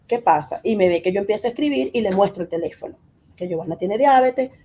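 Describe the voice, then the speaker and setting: A middle-aged woman, a guest in an interview telling a personal story with lively acted-out dialogue. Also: medium pitch, fast, a little hiss or hum. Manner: animated, acts out quoted dialogue.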